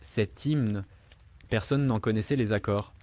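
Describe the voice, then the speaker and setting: A man's voice: lowish voice, darkish tone, lightly acted. A grave old general, read by a male narrator. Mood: stunned. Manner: grave, measured delivery.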